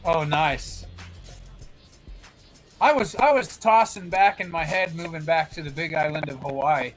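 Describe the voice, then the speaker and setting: A man's voice: a little high, measured pace. A man chatting casually as a guest on a live stream call, telling personal anecdotes. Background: faint music.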